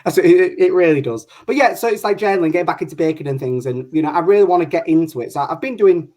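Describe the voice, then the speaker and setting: A man's voice: on the high side, expressive, fast talker, a little mellow. Male, northern English accent, online interview host, casual, chatty, rambling, self-interrupting. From Hull, England. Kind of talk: casual chat.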